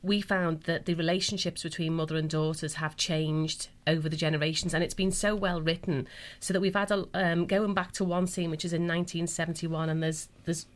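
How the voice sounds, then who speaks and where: A woman's voice: on the low side, steady tone, a little fast, hardly any pauses. A woman talking casually as a guest in a radio interview, explaining things conversationally.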